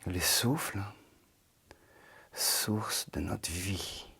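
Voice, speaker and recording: In this guided yoga nidra meditation, a man talks slowly and calmly in a very breathy, husky, low register. His lines regularly settle into a gentle half-whisper.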